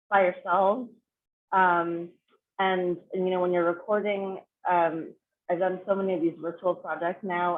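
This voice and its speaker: A woman leading an online choir sectional, chatty and full of fillers and restarts. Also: on the low side. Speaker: choir clinician. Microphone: video call. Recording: tinny video call audio, faint noise.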